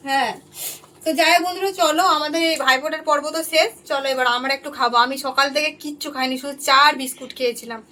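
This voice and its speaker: A woman chatting to her viewers in a rambling home vlog, her voice hoarse from a cold. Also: high-pitched, fairly even intonation, rapid-fire, sharp tone. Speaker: home vlogger.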